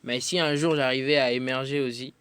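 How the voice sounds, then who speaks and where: His medium-pitched voice is smooth, steady, and a bit bright, moving fairly quickly. The speaker, a Congolese musician on a radio interview, weighs his answers and hesitates frequently with fillers.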